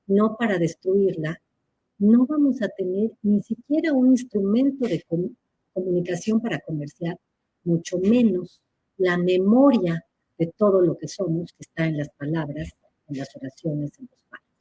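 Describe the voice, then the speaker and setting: A woman's voice: on the low side, lively intonation, normal speed, mellow, slight background noise. A woman answers audience questions in a live chat, teacherly and playful, laughing at her own examples.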